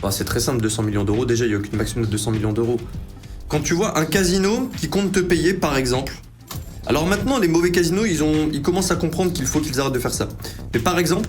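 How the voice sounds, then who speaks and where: French man rambling casually over music. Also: on the high side. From northern France. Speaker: casino livestreamer. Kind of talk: casual chat with stream viewers.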